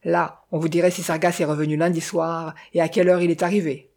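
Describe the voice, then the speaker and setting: A reader voicing a rustic village innkeeper from a detective novel, a man who exclaims and doubts, with a husky voice. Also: mid-range voice, flat delivery, fast, darkish tone, lightly acted. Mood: exclaiming. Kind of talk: audiobook character reading.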